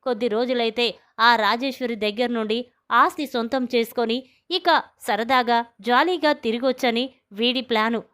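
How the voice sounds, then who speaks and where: A woman's voice: a little high, normal speed, fairly bright tone, clean tone, lightly acted. A woman reading as a scornful younger brother. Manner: scornful, accusing.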